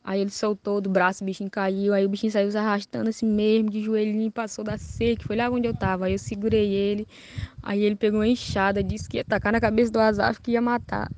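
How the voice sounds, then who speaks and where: A woman's voice: mid-range voice, level tone, fast talker, darkish tone. A woman giving a personal testimony, telling events plainly one after another. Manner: plain storytelling, chaining events with "aí". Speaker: witness telling her story.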